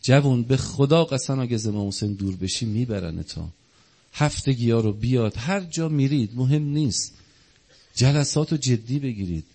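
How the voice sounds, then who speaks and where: A man's voice: medium pitch, animated, dark tone, slightly rough. A man preaching an impassioned religious sermon, telling a story and acting out its dialogue. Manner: impassioned, acts out quoted dialogue.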